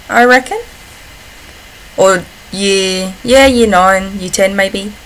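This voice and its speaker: Bright-voiced Australian woman, chatty vlogger. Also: medium pitch, rough recording. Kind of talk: casual chat answering personal questions to camera.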